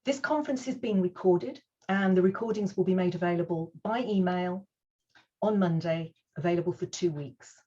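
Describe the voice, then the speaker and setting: A woman's voice: lowish voice, moderate pace, dark tone, breathy edge, lo-fi sound. A woman hosting an online conference over a video call, speaking in an earnest, reassuring way as she opens the day and introduces the first speaker. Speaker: conference host.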